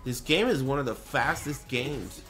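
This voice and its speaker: A man's voice: medium pitch, lively intonation, moderate pace, music in the background. A man co-streaming a tournament, bantering casually with crude teasing jokes. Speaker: co-streamer watching along.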